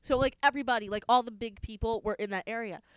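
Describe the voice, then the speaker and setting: Young woman podcast host rambling through a story, lots of "like", fairly high and smooth, dry close sound. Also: quick pace, dry recording, rough recording. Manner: chatty storyteller, many "like" fillers. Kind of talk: casual chat.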